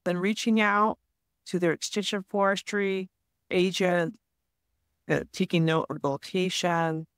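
A woman guest on a podcast interview, calmly explaining forest disease prevention in a measured, advice-giving way. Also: fairly low pitch, no room sound, studio quality. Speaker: forest health guest expert.

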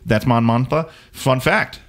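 A young man hosts a casual geek talk show in a live-stream chat, joking, swearing, and full of enthusiasm. His voice sits in the mid range, and he speaks unhurriedly.

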